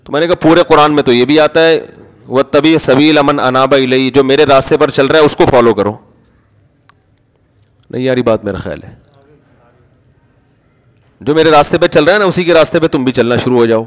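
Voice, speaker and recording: A man's voice: mid-range voice, pauses often. Man preaching in a reverberant hall. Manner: explanatory, conversational, answers then argues with examples. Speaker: cleric answering questions. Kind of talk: Friday sermon, question and answer. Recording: long reverb of a large hall.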